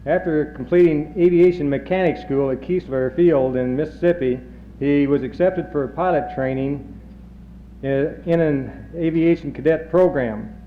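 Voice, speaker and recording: A man with a fairly high voice reads a colleague's career history in a steady way, correcting himself now and then and adding light asides. The sound is muffled and lo-fi, as on a worn 1970s reel-to-reel tape, with faint hiss behind it. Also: a little slow. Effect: on old worn reel-to-reel tape. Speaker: second in command giving a retirement tribute. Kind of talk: reading a career history at a party.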